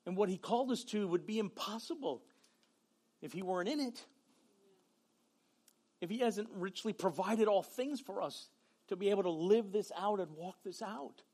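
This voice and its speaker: A male pastor with a Southern US accent delivers a sermon in a strikingly high voice. He builds to fervent shouts, then drops to hushed, earnest speech. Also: normal speed, long pauses, husky. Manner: impassioned preaching, swinging between shouts and quiet low talk.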